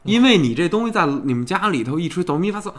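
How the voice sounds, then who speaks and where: A man with a Beijing accent telling stories in casual chat, colloquial, earthy and animated, like a talk show host. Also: sits high, fast talker. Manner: colloquial, crude and animated storytelling with swearing. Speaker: podcast host.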